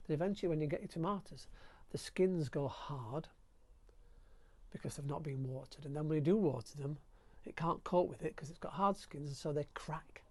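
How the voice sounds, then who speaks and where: A middle-aged man with a Yorkshire accent, chatting excitedly to the camera while gardening outdoors at his allotment, recorded on a clip-on mic. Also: on the high side. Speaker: allotment vlogger. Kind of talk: casual gardening vlog. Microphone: clip-on mic with lead.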